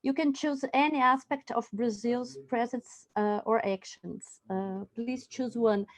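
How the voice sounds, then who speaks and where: A woman moderating a webinar panel over a video call, speaking in measured phrases with filler sounds between them. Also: a little high, steady tone, rough recording.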